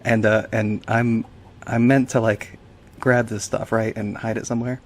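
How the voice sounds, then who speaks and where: A man's voice: little pitch movement, normal speed, a little hiss or hum. A man chatting casually over a game while speaking in a put-on army voice that his partner finds odd. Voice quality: low, unusual-sounding voice. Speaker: gamer streaming a multiplayer game. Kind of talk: casual gameplay commentary.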